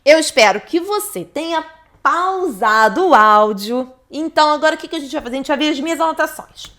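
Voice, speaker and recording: A young woman teaching an online test-prep lesson, animated and chatty, often laughing and speaking directly to her viewers. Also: sits high, fairly quick.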